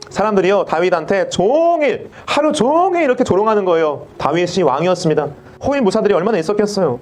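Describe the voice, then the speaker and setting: Animated high-voiced Korean pastor preaching. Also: male voice. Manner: dramatic, acts out mocking voices of scoffers. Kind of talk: sermon.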